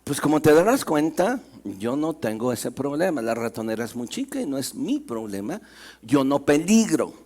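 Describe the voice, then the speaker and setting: A man voicing an indifferent female cow who answers slowly and without concern. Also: mid-range voice. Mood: unconcerned. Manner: slow, flat and unconcerned.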